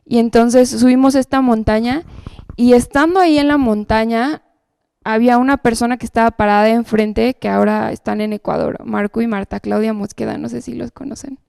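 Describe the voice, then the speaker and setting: A woman shares her personal testimony at church in an earnest storytelling manner. Her fairly high voice carries a gravelly edge yet stays smooth and resonant. The recording is dry and close. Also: fairly even intonation, normal speed, dark tone, no echo. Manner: earnest storytelling with frequent tag questions. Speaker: church speaker giving testimony.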